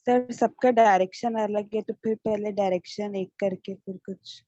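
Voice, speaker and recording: A woman's voice: mid-range voice, fairly even intonation, moderate pace, dark tone, no echo, muffled recording. A woman student giving brief answers to her teacher during an online class.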